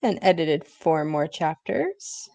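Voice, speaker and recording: A woman's voice: low-pitched, animated, vocal fry, darkish tone, no room sound. A woman co-hosting a casual livestream, chatty and encouraging as she reports progress. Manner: chatty, encouraging, quick back-and-forth. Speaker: co-host of a productivity stream. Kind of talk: casual chat.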